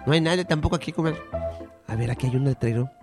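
A man's voice: medium pitch, fast, natural voice. A man voicing two bawdy, gossiping middle-aged women friends with a Mexican accent in a comedy sketch, trading teasing banter and breaking into cackles and squeals. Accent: Mexican Spanish. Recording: music playing behind the voice.

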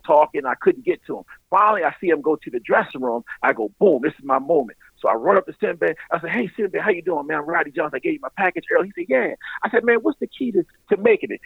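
A middle-aged man, a stand-up comedian, telling stories in casual animated chat, laughing often and talking in loose street slang. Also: on the high side, gravelly, slightly rough, no room sound. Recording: phone-like radio line.

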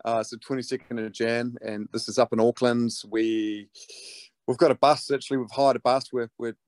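A man's voice: mid-range voice, little pitch movement, normal speed, darkish tone, no room sound. A man with a broad New Zealand accent chatting casually in an interview, laid-back and matey. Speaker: interviewed rock band lead singer.

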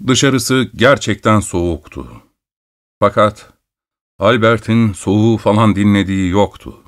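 A man narrating a classic novel as an audiobook in a steady, literary reading voice. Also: lowish voice, measured pace. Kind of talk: scripted narration.

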